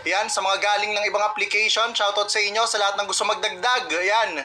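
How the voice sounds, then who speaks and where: Hype guy hosting an online battle, bright high-ish voice, shoutouts and countdowns. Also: little pitch movement, fairly quick. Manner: hyped, gives shoutouts and countdowns. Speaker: battle host.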